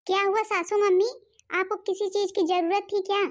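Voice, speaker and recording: A woman voicing a sly young daughter-in-law in a cartoon, flattering in a sugary tone. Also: extremely high pitch, moderate pace. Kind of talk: Hindi cartoon voice acting.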